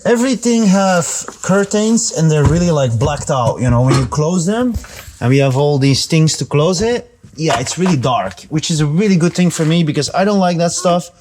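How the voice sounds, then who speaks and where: A man's voice: on the high side, lively intonation, normal speed. A man speaking in a casual, rambling way as he gives a walkthrough tour inside a small trailer. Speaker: vlogger giving an RV tour. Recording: noisy small trailer interior.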